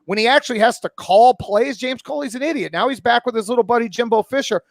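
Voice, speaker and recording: A college football pundit in his forties, guesting on a podcast, has a notably high-pitched voice with vocal fry and talks fast. He's blunt, opinionated and swears freely in casual sports conversation, recorded dry with no room sound or echo.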